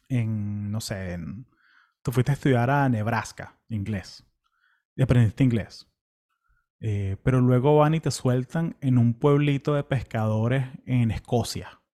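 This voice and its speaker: A young Venezuelan man tells travel stories in a loose, conversational Spanish. His voice sits in an ordinary middle register. He talks easily, circling back on his words with fillers and restarts. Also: mid-range voice. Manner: relaxed, chatty, many fillers and restarts. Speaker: pilgrim recounting a walk. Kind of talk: casual travel storytelling.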